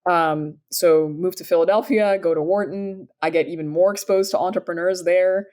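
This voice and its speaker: A woman's voice: fairly low pitch, fairly even intonation, moderate pace, darkish tone. A woman in her thirties, originally from Sudan, answering interview questions about her career in an upbeat, enthusiastic way with frequent fillers. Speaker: startup founder, guest.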